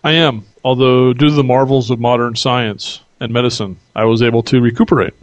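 A man's voice: medium pitch, steady tone, brisk, dry recording, lo-fi sound. Dry-sounding man chatting as an interview guest. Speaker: podcast guest, writer. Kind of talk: casual interview chat.

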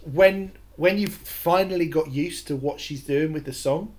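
A man co-hosting a music podcast, talking in a relaxed, rambling way with the odd swear. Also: fairly high pitch, a little slow, a little hiss or hum. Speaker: podcast co-host. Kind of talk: casual music review chat.

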